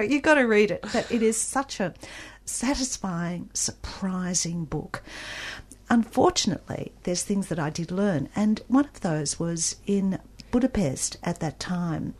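A woman's voice: on the low side, breathy edge. Enthusiastic woman reviewing a book. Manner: enthusiastic, animated, with frequent restarts and laughs. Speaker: radio book reviewer interviewing an author. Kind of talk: conversational book discussion.

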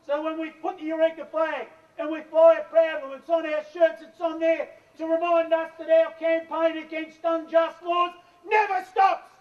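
A man's voice: very high-pitched, little pitch movement, normal speed, hardly any pauses, a little hiss or hum. An Australian man, a union leader, delivering a fiery, impassioned rally speech at a protest, heard as a played-back archive recording. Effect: played-back archive recording with a dull, lo-fi sound. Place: outdoor protest. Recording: dull lo-fi archive recording, distant from the mic.

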